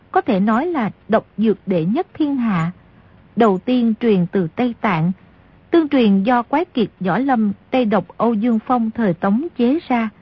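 Husky-voiced woman narrating a story. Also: fairly high pitch, no room sound, highs cut off. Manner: steady storytelling. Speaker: audiobook narrator. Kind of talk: scripted narration.

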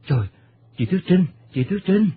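A man's voice: lowish voice, expressive, quick pace, slight background noise, close to an everyday voice. A man voicing a timid, flustered young man in a radio play, stammering and deferential, over a tinny broadcast.

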